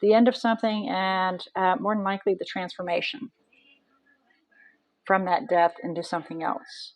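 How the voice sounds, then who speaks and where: A woman's voice: mid-range voice, little pitch movement, moderate pace, dry recording, low-quality recording. A woman reading tarot cards aloud in a casual, chatty way, thinking aloud with many ums and restarts. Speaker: tarot reader.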